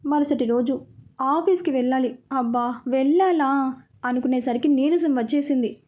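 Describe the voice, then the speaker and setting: A woman storyteller narrating a romance in the first person. Her voice is high and mellow, and she talks chattily, often turning to the listener.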